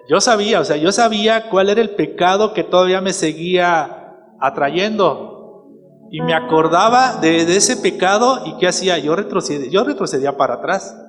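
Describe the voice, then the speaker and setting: A man with a Mexican Spanish accent, a pastor preaching a sermon and putting rhetorical questions to his congregation. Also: fairly high pitch. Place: church hall. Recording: reverberant church hall with music.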